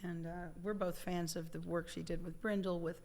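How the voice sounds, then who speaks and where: A woman with a hoarse, croaky frog-like voice from laryngitis, chatting casually as a musician guest in an interview. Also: on the low side, little pitch movement, moderate pace, a little mellow. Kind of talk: casual radio interview chat.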